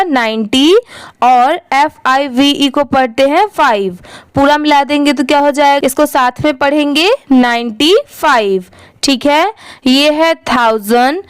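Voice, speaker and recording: A woman's voice: high-pitched, no room sound. A woman teaching English reading, spelling each word out letter by letter, blending the parts, and putting questions to the viewer. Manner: spells words letter by letter, then blends them; asks rhetorical questions to the viewer. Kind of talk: slow spelling-out lesson.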